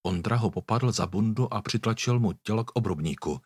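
Husky-voiced male storybook narrator. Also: lowish voice, a little mellow, no echo, studio quality. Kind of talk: audiobook reading.

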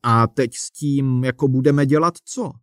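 A man's voice: medium pitch, little pitch movement, dry recording, clean studio sound, close to an everyday voice. A man reading the part of a mocking old hippie, drawling his questions. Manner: sneering, drawling.

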